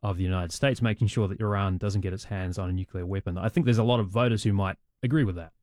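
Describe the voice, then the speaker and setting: A man working as a smooth radio talk show host, interviewing a guest and taking callers with measured, polite questions. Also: low voice, steady tone, darkish tone, no room sound, clean studio sound. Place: radio studio.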